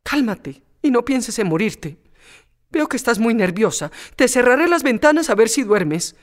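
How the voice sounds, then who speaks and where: A man's voice: extremely high pitch, sing-song, moderate pace, pitched above the performer's own voice. A man reading a storybook aloud and voicing a blunt, motherly older woman who scolds and fusses. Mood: fussing. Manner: scolding, fussing.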